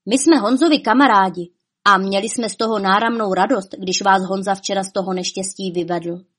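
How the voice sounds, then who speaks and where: A woman voicing a sharp-eyed, kindly male companion who speaks softly and coaxingly, in a storybook reading. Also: medium pitch, steady tone, breathy edge. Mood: reassuring.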